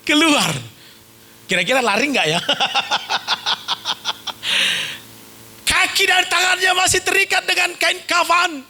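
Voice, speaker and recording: A man's voice: very high voice, extremely slow, long pauses. A male pastor preaching a sermon, telling stories with mimicked sounds and often raising his voice for emphasis. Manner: animated storytelling with sound effects and shouted emphasis.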